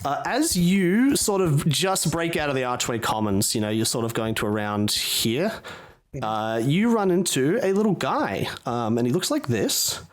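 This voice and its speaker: A man's voice: mid-range voice, animated, normal speed. A man narrating as dungeon master in a loose, filler-heavy way. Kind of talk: narrating a tabletop game.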